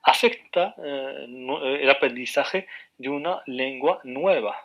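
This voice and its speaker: A man giving a university lecture over the radio, explaining slowly with frequent hesitations, repeated words and questioning tags. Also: mid-range voice, muffled recording.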